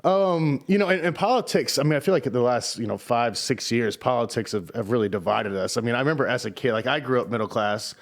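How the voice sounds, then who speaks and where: A man from Southern Indiana hosting an interview in a relaxed, halting way, with many fillers. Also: mid-range voice. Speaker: host. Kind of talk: casual interview chat.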